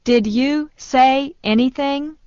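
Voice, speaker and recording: A woman slowly and deliberately repeating short phrases for learners in a language lesson. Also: sits high, darkish tone, smooth, no echo. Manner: very slow, deliberate delivery. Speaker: phrase reader. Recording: dull lo-fi dry sound.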